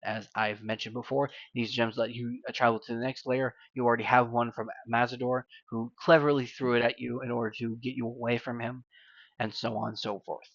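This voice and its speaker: A man's voice: mid-range voice, little pitch movement, brisk, no room sound. A man narrating a tabletop game as game master, in a loose, rambling way. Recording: dry, dull lo-fi mic.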